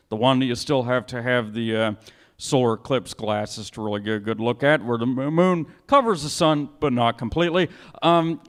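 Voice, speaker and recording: A man presenting astronomy news at a public science talk, enthusiastic and halting with many fillers. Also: mid-range voice, smooth. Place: bar event hall. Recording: long hall reverb.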